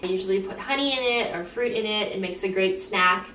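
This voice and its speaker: A woman's voice: medium pitch, a little fast, pushed and bright, echoey room, far from the mic, slight background noise. A young woman vlogging casually in an upbeat, chatty way with frequent "um"s. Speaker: fitness vlogger. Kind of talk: casual vlog talk. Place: small indoor room for the haul, car for the drive.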